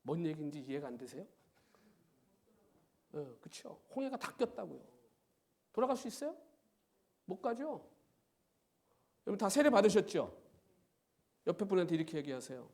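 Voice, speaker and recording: Middle-aged pastor guy preaching in a church, voice sits high and swings all over, keeps throwing questions at the crowd. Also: moderate pace, long pauses. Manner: animated preaching, rhetorical questions to the congregation. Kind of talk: sermon. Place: church sanctuary.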